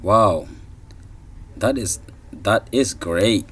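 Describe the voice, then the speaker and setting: In this screen-recorded coding tutorial, the tutor, a Somali man in his thirties, sounds animated despite talking extremely slowly in a lowish voice. He reasons aloud casually with many fillers and restarts, and there's a little hiss or hum in the recording.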